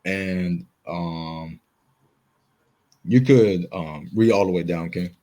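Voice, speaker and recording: A man's voice: sits low, slow pace, dark tone, a little hiss or hum. A man leading a casual Bible study, talking informally with slang and repeating words as he thinks. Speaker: Bible class teacher.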